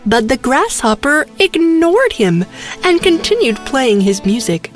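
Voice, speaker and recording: A woman's voice: high voice, sing-song, a little slow, faint music behind. A woman narrating a scripted bedtime story for children.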